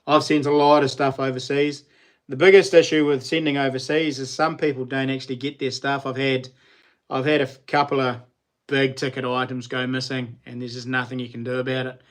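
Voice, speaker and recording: With a level tone and a mid-range voice, a middle-aged man with a New Zealand accent talks a little fast. He's hosting a relaxed livestream, chatting with viewers in a slangy, rambling way and laughing often.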